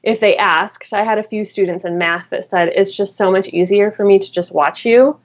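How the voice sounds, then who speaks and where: A woman's voice: mid-range voice, fairly even intonation, normal speed. A woman teacher and guest author in a casual podcast conversation, thinking aloud with fillers and restarts. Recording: dull lo-fi recording.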